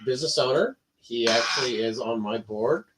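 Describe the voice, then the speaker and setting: A man's voice: medium pitch, moderate pace, heavy background noise. A congested man co-hosting a casual livestream chat, easygoing and agreeable, speaking over a video call. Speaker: chamber of commerce director.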